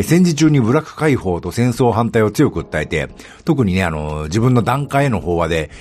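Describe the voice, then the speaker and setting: Man, middle-aged, podcast host, casual rambling chat, many fillers, lowish voice, lively pitch. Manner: chatty, rambling, frequent fillers and asides. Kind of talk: casual solo talk about a TV drama.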